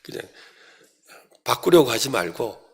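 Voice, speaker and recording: A middle-aged male pastor preaching a sermon, asking the congregation questions and building to loud, emphatic passages. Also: mid-range voice, sing-song, unhurried, gravelly, husky.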